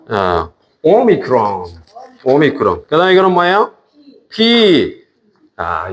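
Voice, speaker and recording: A man teaching a class, patiently repeating each word and joking with students. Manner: slow, lively pitch, drawn-out repetitions. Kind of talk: classroom lesson.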